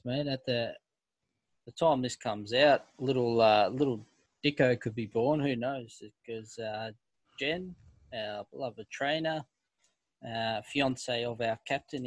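A man's voice: mid-range voice, no echo. An Australian man hosting a casual club podcast, laid-back and calling people mate. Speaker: podcast host.

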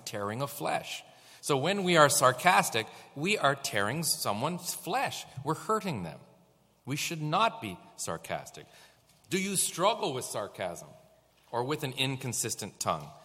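A male pastor delivers a sermon in a lively, sharply bright voice. He swings his pitch widely and keeps putting questions to the congregation. The sound rings out with a long church-hall reverb. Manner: animated preaching with rhetorical questions to the congregation. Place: church sanctuary.

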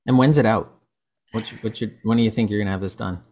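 A man's voice: on the low side, fast talker, a little mellow. A man hosting a podcast, telling stories in casual chat, rambling with many restarts. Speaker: podcast host.

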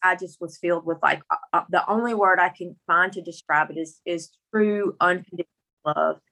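A woman's voice: fairly low pitch, brisk, vocal fry, sharp tone, low-quality recording. A middle-aged woman from rural Mississippi with a Southern country accent, telling her personal story as a guest in a folksy, candid, emphatic way. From Mississippi, rural United States.

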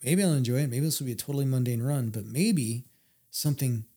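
Man, husky voice, quick talker, lively storyteller, casual podcast chat. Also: medium pitch. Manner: animated storyteller, acts out quotes. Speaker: podcast guest.

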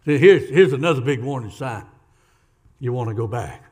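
A man's voice: mid-range voice, expressive, moderate pace, a little mellow, breathy edge. A man preaching a sermon as pastor, emphatic, repeating key lines and questioning the congregation.

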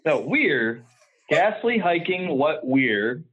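A man's voice: on the high side, big pitch swings, slow pace, slightly rough. A man heard over a phone line, co-hosting a podcast with playful, teasing banter and frequent laughter. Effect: heard over a phone or call line. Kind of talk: casual comedic banter. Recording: tinny phone-line sound.

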